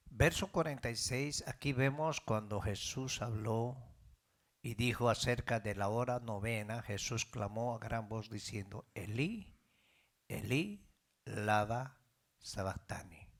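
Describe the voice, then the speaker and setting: A man's voice: medium pitch, fairly even intonation, unhurried. A middle-aged man preaching a sermon as pastor, building in fervor and calling out questions to his congregation.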